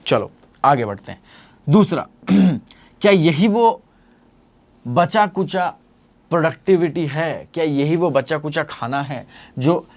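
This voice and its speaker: A man's voice: on the high side, expressive, takes it slowly, long pauses. A man teaching a biology lesson online in a playful, storytelling way, calling his students "beta".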